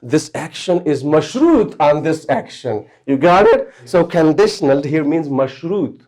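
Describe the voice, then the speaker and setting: A man teaches English grammar to a room of students in a somewhat high voice. He works through each rule step by step. He keeps stopping to ask whether they have got it. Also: expressive, unhurried, a little mellow. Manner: explains step by step, often checks understanding. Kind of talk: classroom grammar lesson.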